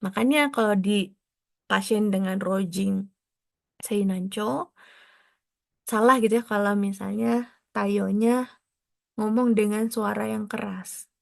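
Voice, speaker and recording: A woman tutor giving an explanatory lesson, stepping through technical terms and glossing each one, with frequent soft tag questions. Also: medium pitch, steady tone, takes it slowly, vocal fry, pauses often, no echo, clean studio sound. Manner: explains step by step, drops in foreign technical terms and glosses them. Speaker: exam prep tutor.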